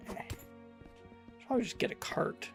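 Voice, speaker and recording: Over music, a Canadian man from Alberta talks a little slowly as he commentates a live game stream and reads chat. His chatter with viewers is loose, rambling, and self-deprecating.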